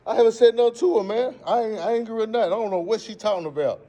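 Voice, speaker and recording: High-voiced insistent man at a school door. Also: fast talker, warm tone. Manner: insistent, repetitive, casual slang. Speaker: parent visiting a school. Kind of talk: heated confrontation, self-recorded. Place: outside a school entrance. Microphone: his own phone recording.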